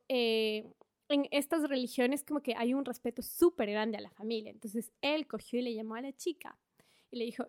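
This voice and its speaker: A woman, a podcast guest telling a travel story in a chatty, animated way with many fillers. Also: fairly high pitch, dry recording, studio quality. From Ecuador. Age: 20s. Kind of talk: casual storytelling in conversation.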